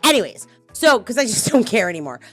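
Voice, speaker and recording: A woman's voice: fairly high pitch, fast, no room sound, faint music behind. A middle-aged woman hosting a casual podcast, talking bluntly and swearing freely as she tells personal stories. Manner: blunt, swearing, animated storytelling. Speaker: podcast host.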